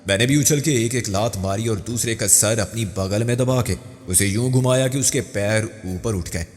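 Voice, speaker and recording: Man narrating a crime thriller. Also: lowish voice. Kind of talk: dramatic audiobook narration. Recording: long hall reverb with faint music.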